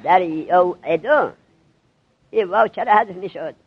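Husky-voiced man quizzing his students. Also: sits high, dull audio. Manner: drills students with rapid questions. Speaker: seminary teacher. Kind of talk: classroom grammar lesson.

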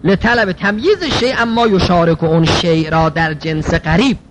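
A man's voice: high voice, noisy background. A man teaching a seminary-style logic class. He reads Arabic phrases aloud, then explains them in everyday speech, asking rhetorical questions and answering them himself.

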